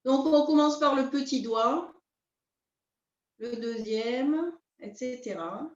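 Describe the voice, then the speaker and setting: Calm woman teacher leading a class, high voice, dull roomy recording. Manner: calm, unhurried, step-by-step guidance. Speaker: qi gong teacher. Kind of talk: guided class instruction. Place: class room with students. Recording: roomy, distant, dull sound.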